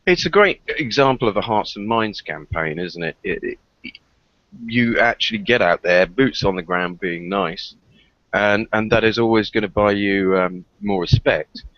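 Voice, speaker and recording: A man's voice: lowish voice, moderate pace, no echo, highs cut off. A man co-hosting a podcast, musing wryly in casual chat. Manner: wry, musing.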